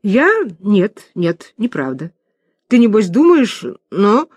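A man's voice: high-pitched, very animated, husky, no room sound, heavily acted. A woman doing a timid, doting professor. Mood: flustered. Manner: soft-spoken, drawn-out, breathless adoration. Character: timid lovestruck male professor, shy and doting.

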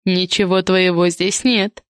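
A woman's voice: mid-range voice, normal speed, a bit bright, dry recording, clean studio sound, natural voice. A woman reading a defensive middle-aged husband. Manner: defensive and blunt. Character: cornered middle-aged husband leaving his wife. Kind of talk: audiobook character reading.

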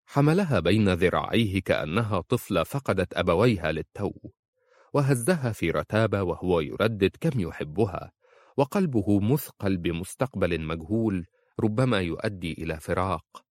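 A man narrating a novel as an audiobook in a measured, even way. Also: sits low.

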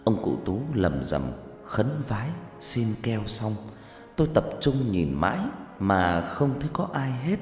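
A man narrating a first-person story in a lively, conversational way. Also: fairly low pitch, a little slow. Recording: echoey room with faint music.

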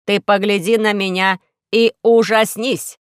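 A woman voicing a dramatic male robot who longs to suffer, talking loudly and slowly. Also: mid-range voice, fairly even intonation, clear, resonant tone, no echo, studio quality, natural voice. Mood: gloomy. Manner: loud, slow, solemn declaiming.

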